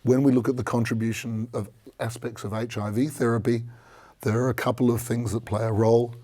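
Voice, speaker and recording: A man with a croaky, hoarse voice gives an expert medical review. His delivery is even and measured, with little swing in pitch and a soft, mellow tone. He sounds like a presenter explaining research findings. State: croaky from a strained voice this week.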